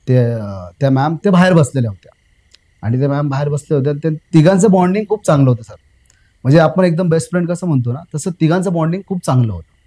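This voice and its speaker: Rambling young man, mellow voice. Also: fairly high pitch, animated, low-quality recording. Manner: rambling, repeats phrases, fills pauses with "uh", addresses the host as sir. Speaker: guest recounting a personal experience. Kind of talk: casual spoken storytelling.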